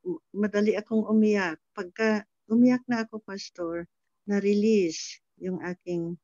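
A church member on a video call speaks up with earnest, somewhat hesitant thoughts and slips easily into English. The voice is mellow and dark, and it sits on a dull, muffled line. The sound is dry, with no room around it. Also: mid-range voice, steady tone, measured pace, dry recording. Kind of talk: casual sharing in a prayer meeting.

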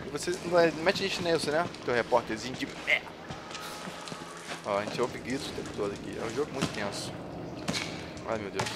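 A man's voice: medium pitch, brisk, long pauses, heavy background noise. A man from Brazil commentating a horror game, nervous and jumpy, swearing and making nervous jokes. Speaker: gameplay streamer. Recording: game music underneath.

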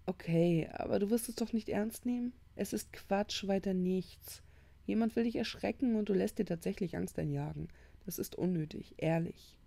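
A woman's voice: mid-range voice, moderate pace, vocal fry, dark tone, no room sound. A woman voicing a teenage boy who brushes off worries and defends himself in a storybook reading. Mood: dismissive. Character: dismissive teenage boy gamer.

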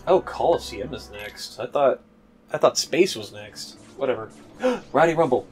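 A man's voice: mid-range voice, lively intonation, unhurried, soft background music. A man casually commenting on his gameplay as a let's play host, joking and swearing offhand.

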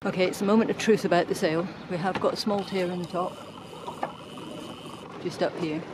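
Chatty woman on a sailboat, loud noise. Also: lowish voice, fairly even intonation, a little fast. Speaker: sailing vlogger. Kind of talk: casual travel chat. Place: outdoors on a sailboat. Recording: outdoor recording with loud background noise.

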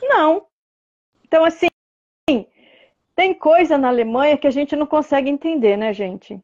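A woman's voice: sits high, lively intonation, normal speed, darkish tone, highs cut off. An older woman with a Brazilian Portuguese accent, the host's mother, telling stories in casual chat and tagging her sentences with questions. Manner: chatty storyteller, constant tag questions.

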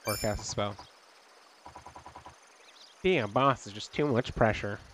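A man's voice: fairly low pitch, a little slow, fairly bright tone, a little hiss or hum. A man playing a video game, talking casually and reading the game's dialogue aloud. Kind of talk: let's play commentary.

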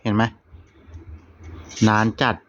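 A man's voice: slow, a little hiss or hum. A man giving live gameplay commentary, urgently directing his teammates while keeping a polite tone. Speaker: gaming channel host. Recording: lo-fi with loud game sounds.

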